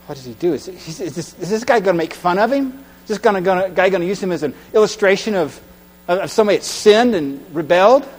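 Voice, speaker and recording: A man preaching a sermon, retelling a story dramatically and swinging from hushed tones to loud cries. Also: sits high, expressive, fast talker. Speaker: pastor. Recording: long hall reverb with mains hum.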